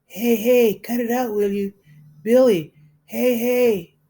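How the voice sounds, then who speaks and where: Lady reading doing a jittery kid, bit higher, forcing a hearty tone that wobbles. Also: steady tone, slow, dark tone. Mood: nervous. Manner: hearty but quavering. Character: nervous boy trying to sound brave.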